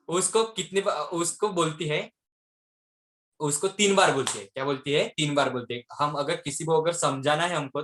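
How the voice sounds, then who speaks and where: A man's voice: fairly high pitch, fairly bright tone. A male teacher giving an online class lecture, constantly quizzing his students with repeated questions. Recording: echoey room audio.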